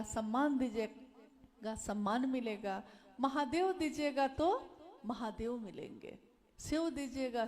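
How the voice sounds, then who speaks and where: High, slow-spoken woman giving a devotional talk. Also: a little mellow. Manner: earnest, pleading, repeats key phrases. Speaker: speaker at a devotional gathering.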